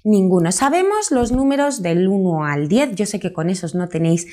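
A young woman with a Spanish accent from Spain gives a chatty YouTube English lesson, stretching out her example words. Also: medium pitch. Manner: lively, chatty, drawn-out model words. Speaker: English teacher.

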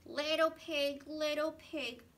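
A woman voicing the big bad wolf, booming out drawn-out threats. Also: fairly even intonation, a bit bright, full character voice. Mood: menacing. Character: big bad male wolf, loud and menacing.

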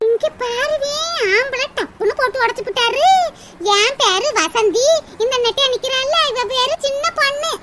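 A woman voicing a bossy, nosy older woman in a cartoon, loud and teasing. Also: very high voice, moderate pace. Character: bossy, nosy older village woman, elder sister figure. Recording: loud hiss over the voice.

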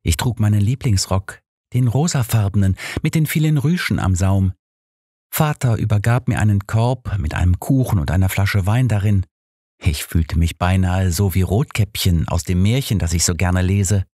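A man's voice: low-pitched, moderate pace, mellow, no room sound, clean studio sound. A man voicing an agitated, defiant young woman in an audiobook. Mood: dreamy.

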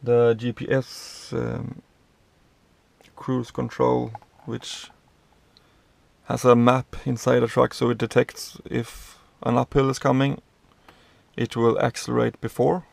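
Giving an easygoing tour of his truck cab, a thirtysomething Swedish driver explains the controls in a halting way, restarting often and using many fillers. The voice sits mid-range, barely moves in pitch, sounds gravelly, and the recording is dry.

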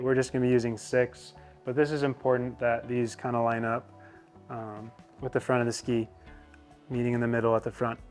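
A young man walking through an installation step by step in a relaxed, explanatory way with frequent fillers, recorded in an indoor garage. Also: mid-range voice. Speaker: product installer. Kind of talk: casual how-to walkthrough.

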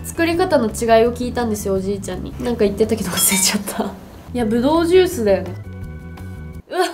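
A twenty-year-old woman chatting casually to camera as a vlog host, in a youthful, expressive, exclamatory and slangy way. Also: fairly high pitch, very fast. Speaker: video host. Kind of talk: casual vlog chat to camera while taste-testing. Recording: background music behind the voice. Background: music.

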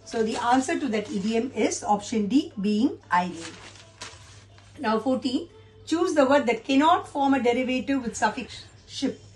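Woman, teacher, exam answer walkthrough, patient, asks questions, slightly high pitch. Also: lively intonation, moderate pace. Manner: patient, explains step by step with questions to students. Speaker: English teacher. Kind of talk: exam answer-key lesson.

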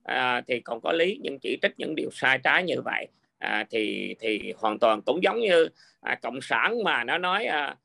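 Gravelly bright-voiced man, hesitant. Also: medium pitch, big pitch swings, a little slow. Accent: Vietnamese-American. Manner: hesitant, many fillers and restarts. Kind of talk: casual political chat.

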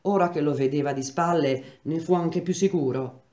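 A woman reading a novel aloud in a steady, measured storytelling voice. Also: low-pitched. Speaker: reader. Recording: roomy echo.

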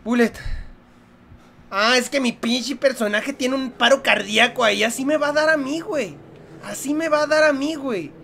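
A young man with a Mexican accent, commenting on a horror game in a joking, profane, excitable way. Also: extremely high pitch, normal speed, creaky, a little hiss or hum. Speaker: gaming youtuber.

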